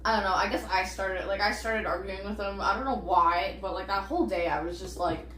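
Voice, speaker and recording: A young woman co-hosting a casual chat podcast, ranting excitedly with lots of "like" fillers. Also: medium pitch, a little fast. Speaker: podcast co-host. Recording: echoey room with faint hiss.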